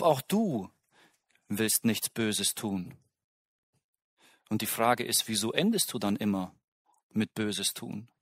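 A man's voice: medium pitch, dry recording. A man preaching a sermon in an earnest way, often asking his listeners direct questions.

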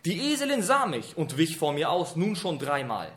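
A man's voice: on the high side, wildly swooping pitch, normal speed, fairly bright tone. A man reading a stern sword-bearing angel. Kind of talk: reading scripture aloud.

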